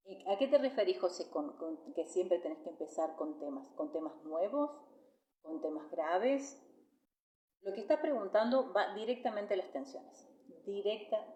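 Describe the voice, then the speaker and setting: A woman's voice: medium pitch, mellow, roomy sound, muffled recording. Chatty Rioplatense woman teaching singing. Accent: Rioplatense Spanish. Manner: chatty, explanatory, frequent checking "¿sí?". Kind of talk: live-streamed masterclass.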